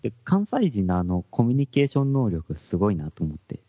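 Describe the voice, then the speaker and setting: Animated low-voiced man with a Hakata accent. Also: brisk, no echo, highs cut off. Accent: Hakata dialect. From Fukuoka. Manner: animated and joking, laughs often. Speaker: podcast co-host. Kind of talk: casual chat among musicians.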